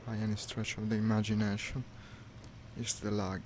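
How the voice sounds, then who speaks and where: A gaming streamer speaks in a lowish voice with completely flat delivery at normal speed. As he plays a flight sim live, he gives wry commentary partly to himself, and the stream sound is noisy.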